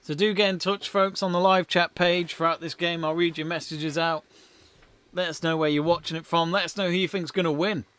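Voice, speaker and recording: A man's voice: fairly high pitch, fairly even intonation, fairly quick, fairly bright tone, clear, resonant tone. A young man hosting a live football watch-along stream, chatting casually, reading out viewer messages and calling the play as it happens.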